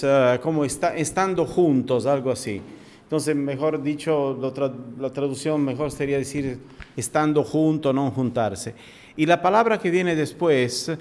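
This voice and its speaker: A man's voice: fairly high pitch, a little mellow. A male teacher giving a classroom lecture, patiently explaining word meanings and putting questions to his students.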